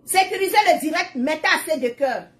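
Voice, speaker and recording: This adult woman, a mother of children, has a high, somewhat bright, expressive voice and a fairly quick delivery. In a casual live video to her followers she speaks emphatically and repetitively, drifting into preaching and prayer.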